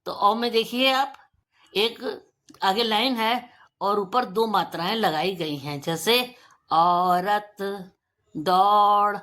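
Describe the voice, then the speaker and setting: A woman teacher giving a pronunciation lesson for children, stretching out example words slowly and deliberately. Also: mid-range voice, a bit bright. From India.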